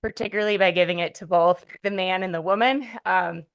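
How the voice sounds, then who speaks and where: A woman's voice: lowish voice, fast talker, clear, resonant tone, no room sound, lo-fi sound. A young woman on town staff presenting a policy at a public meeting, careful and explanatory with frequent "um" fillers. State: voice quivering with emotion. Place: town hall meeting room.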